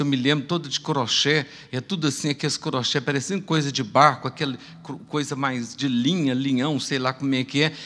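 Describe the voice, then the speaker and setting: A male pastor telling testimonies in a sermon, swinging from loud praise to hushed storytelling, in a church. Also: on the high side. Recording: long church hall reverb.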